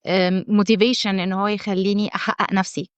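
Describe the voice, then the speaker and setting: A woman's voice: medium pitch, flat delivery, a little fast, clear, resonant tone, no room sound. A woman with an Egyptian Arabic accent hosting a casual interview, asking upbeat, curious questions and mixing in English phrases. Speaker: host. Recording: dull dry audio.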